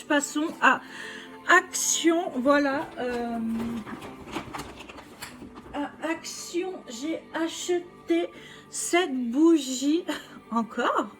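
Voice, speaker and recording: Woman vlogger, high voice, chatty and unpolished, light music underneath. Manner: chatty, many fillers and restarts. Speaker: vlogger showing shopping haul. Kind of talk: casual chat.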